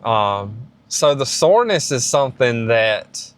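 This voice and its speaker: A man in his late thirties talks straight to the camera for his fitness channel. His voice sits at an ordinary middle pitch. He rambles and restarts often, but keeps pushing an encouraging message. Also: sing-song, slow, smooth. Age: 30s. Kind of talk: casual advice vlog.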